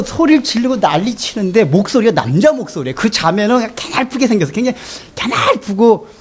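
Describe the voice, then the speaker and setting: A man preaching a sermon as a pastor, telling a story in an animated way and often laughing. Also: high voice.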